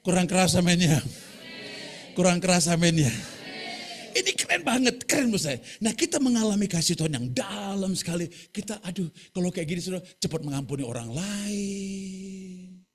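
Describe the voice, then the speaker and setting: A male pastor preaching a sermon, often asking the congregation "right?" and calling for louder amens. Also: high-pitched, very animated, brisk, breathy edge.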